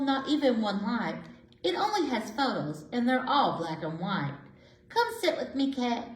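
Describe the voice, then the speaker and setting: A woman reads a rhyming picture-book story as a kindly elderly lady, lonely yet content, comforting a cat. Her somewhat high voice is lilting, gentle, reassuring and reminiscent. The indoor recording sounds roomy and echoey.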